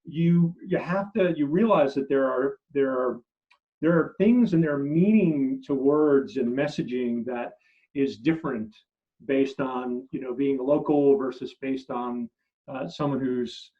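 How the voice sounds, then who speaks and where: A middle-aged man whose first language is German answers interview questions as a marketing expert at a measured pace. He's an animated storyteller who restarts often and lets his voice drop low at the ends of phrases. The audio is muffled and lo-fi.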